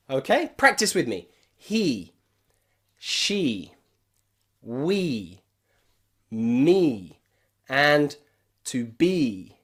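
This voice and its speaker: Lively male English pronunciation teacher. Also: fairly high pitch. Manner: lively, repeats sounds slowly and clearly, checks in with okay. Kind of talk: pronunciation lesson to camera.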